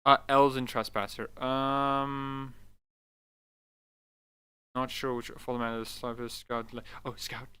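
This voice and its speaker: Man streamer, casual gaming chat, excitable, says dude a lot, smooth voice, dry close sound. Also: medium pitch, slow pace, long pauses, no echo. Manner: excitable, swears a lot, keeps saying "dude". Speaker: livestream host. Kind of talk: casual live-stream chat about games.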